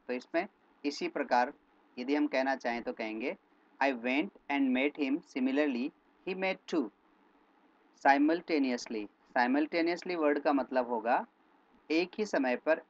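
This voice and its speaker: A man teaching spoken English in Hindi, explaining phrases and slowly repeating example sentences. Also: on the high side, dull audio.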